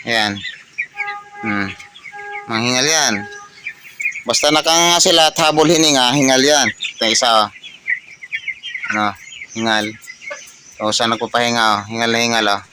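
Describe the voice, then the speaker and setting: A man's voice: medium pitch, normal speed, pauses often. A man, walking through his poultry house and explaining in a casual, repetitive way, pointing things out with many fillers and tag questions. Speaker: poultry farm vlogger. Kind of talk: casual walkthrough narration. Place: chicken house on a farm. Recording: noisy farm with chickens. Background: clucking chickens.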